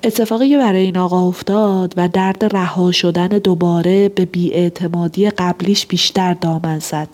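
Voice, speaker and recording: A woman's voice: fairly low pitch, fairly even intonation, hardly any pauses, darkish tone. A woman giving relationship advice, explaining principles and telling an example story.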